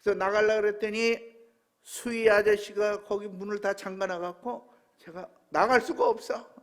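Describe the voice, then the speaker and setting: A pastor in his seventies preaching a sermon, telling a personal story with emotion that swings from hushed tones to loud exclamations. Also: high voice, steady tone, moderate pace. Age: 70s.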